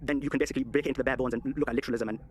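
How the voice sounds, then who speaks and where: A man in a heated debate, talking at a very rapid clip. He is argumentative and keeps cutting in with strings of "no, no, no" before he lays out his case. His voice sits in an ordinary middle pitch. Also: fairly even intonation, noisy background. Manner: argumentative, interrupts with rapid repeated "no, no, no". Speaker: legal commentator in a debate.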